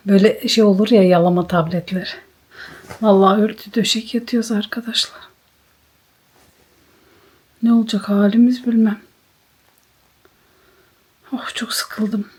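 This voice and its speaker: A woman chatting casually to her viewers at home in a daily vlog, ill with a swollen sore throat and talking softly. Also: mid-range voice, husky. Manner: chatty, rambling, talks softly. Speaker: vlogger. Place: at home, indoors. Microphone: small vlogging microphone.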